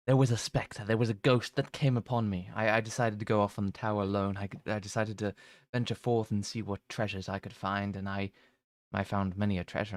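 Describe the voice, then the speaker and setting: A man's voice: lowish voice, no room sound. A young man chatting casually on a stream, rambling and self-mocking, with plenty of swearing. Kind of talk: casual chat.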